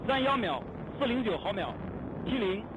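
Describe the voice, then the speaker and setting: A man's voice: high-pitched, sing-song, moderate pace, dull audio, heavy background noise. A man working as a launch control dispatcher, giving clipped, formal mission control radio callouts. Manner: clipped formal procedural announcements.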